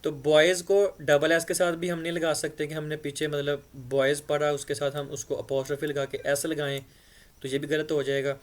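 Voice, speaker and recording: A man's voice: on the high side, little pitch movement, moderate pace. Patient male grammar teacher at a board. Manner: patient, repeats "ठीक है" often. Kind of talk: explanatory board lesson.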